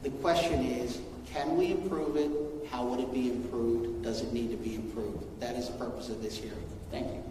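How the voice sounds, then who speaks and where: A man's voice: mid-range voice, fairly even intonation, moderate pace, hardly any pauses, mellow, a little hiss or hum. A man, a city councilman, opening a public hearing with a string of rhetorical questions, recorded in a council chamber. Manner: rhetorical, posing many questions. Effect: council hearing-room recording. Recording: echoey hall from far off.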